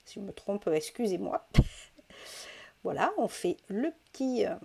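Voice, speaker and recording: A woman's voice: mid-range voice, lively intonation, unhurried, gravelly, background noise. Chatty woman demonstrating coloring, hesitant. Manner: chatty, hesitant, many fillers and self-corrections. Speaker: coloring tutorial host. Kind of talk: casual step-by-step craft demonstration. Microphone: desk mic.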